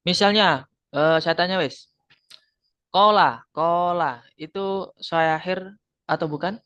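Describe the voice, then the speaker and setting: A man's voice: a little high, slow pace, sharp tone, dry recording. A man teaching an Arabic grammar class, explaining patiently, repeating terms and quizzing his students. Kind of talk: online grammar lesson. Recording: dull lo-fi sound.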